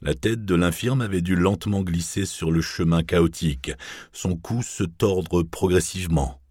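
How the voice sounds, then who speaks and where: Deep-voiced male audiobook narrator. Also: breathy edge, no room sound, studio quality. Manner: measured, even literary reading.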